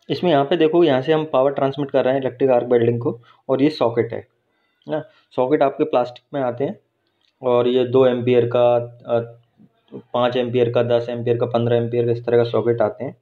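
In a welding workshop, a male teacher gives a hands-on technical explanation step by step, checking in with "ठीक है" and "है ना." His mid-range voice is level and a little fast, captured by a phone held while filming, which makes the recording dull and lo-fi.

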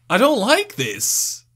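A man's voice: sits high, huge pitch swings, extremely slow, a bit bright, slightly rough, faint music behind. A young man giving casual reaction commentary as a gaming video host. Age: young adult.

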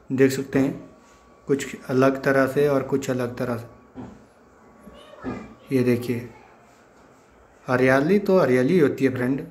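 A man vlogging from his village in the hills of Himachal Pradesh, northern India, chats casually and shows things off to viewers he treats as friends, often repeating himself. His voice is mid-range and a little mellow, with slight background noise.

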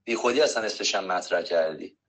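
A man's voice: sits low, fairly bright tone. A man leaving an indignant, blunt voice message of support.

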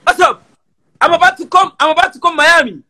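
A man's voice: very high-pitched, a little fast, pushed and bright, a little hiss or hum, rough recording. A man on a phone video call, insistently repeating himself and defending his story. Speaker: caller. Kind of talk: casual video-call banter.

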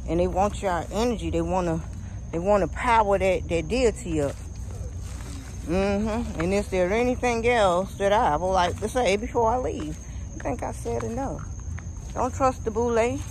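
High-voiced American man talking on a walk. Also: rough recording. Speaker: vlogger. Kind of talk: casual walk-and-talk monologue. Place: outdoors at night, walking. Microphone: phone at arm's length. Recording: outdoor phone recording with faint ambient noise. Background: faint outdoor ambience.

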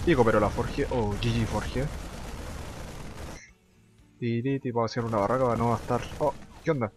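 A young man, excitedly commentating a strategy game and dropping English gamer slang and curses. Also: mid-range voice, moderate pace, over music. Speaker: gameplay commentator.

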